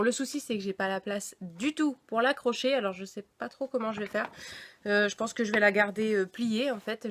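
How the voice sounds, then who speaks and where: A young woman with a fairly high voice chats to the camera about books she just got. She talks casually and hesitantly, stopping often on fillers and small restarts. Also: slight background noise. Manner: chatty, hesitant with many fillers. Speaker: book vlogger. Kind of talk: casual book haul vlog.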